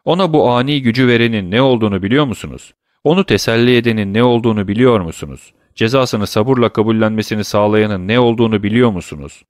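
A cold, scornful count, read by a man in a deep voice speaks with mocking emphasis. His tone is sardonic and lofty, and the room around him is dry and close. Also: fast talker, no room sound, lightly acted.

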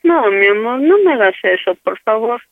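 A high-voiced woman pleads tearfully over the phone. Her voice comes through a thin, tinny phone line. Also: lively intonation, moderate pace, no room sound. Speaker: prank call target.

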